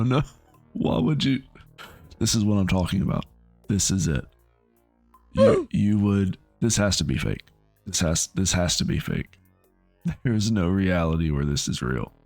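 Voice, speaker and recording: A man's voice: sits low, darkish tone, no echo. A man hosting a reaction video, talking back at a clip in disbelief, often stopping and restarting his sentences. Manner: incredulous, halting with restarts. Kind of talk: reaction commentary.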